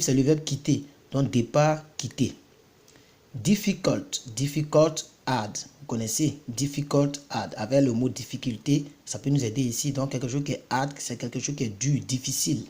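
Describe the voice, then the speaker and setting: A self-taught English vocabulary tutor from Côte d'Ivoire gives a casual lesson, saying each word several times before explaining it. His voice is mid-range and a little mellow.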